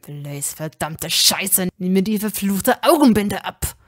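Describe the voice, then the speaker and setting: A woman's voice: medium pitch, lively intonation, slow pace, no echo, clean studio sound, pitched below the performer's own voice. Woman voicing a snappish young wizard. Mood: furious. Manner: growling, hissing, curt. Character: snappish young male wizard, blindfolded and irritable.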